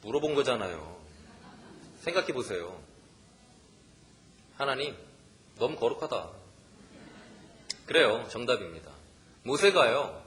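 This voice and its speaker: A man's voice: medium pitch, bright, forceful tone, a little hiss or hum. A male pastor preaching at a church service, asking the listeners questions and chuckling often. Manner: asks the listeners many questions. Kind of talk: sermon.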